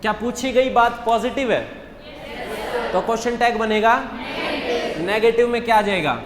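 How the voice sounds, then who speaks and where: In a classroom full of students, a male English teacher with a very high voice reviews mock test answers at normal speed, constantly posing questions to the class and answering them himself. The hall echoes, with a faint hum and a crowd audible behind him.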